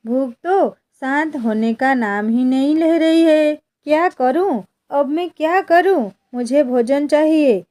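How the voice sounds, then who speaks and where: A woman voicing a lazy, greedy village wife with a huge appetite, who talks in drawn-out exclamations. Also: sits high, dark tone. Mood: frantic.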